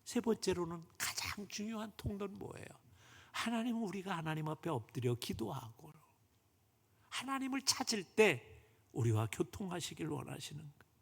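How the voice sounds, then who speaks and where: Gravelly pastor preaching in echoing church. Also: male voice, high-pitched, animated, moderate pace. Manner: dramatic swings from loud emphasis to whispers. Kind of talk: Sunday sermon. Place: church sanctuary. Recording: long church hall reverb.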